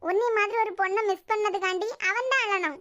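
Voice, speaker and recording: A woman's voice: very high voice, fast talker, bright, forceful tone, lo-fi sound. A woman voicing a blunt, protective young friend in a cartoon series, lecturing firmly with a Kanyakumari Tamil accent. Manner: firm, lecturing.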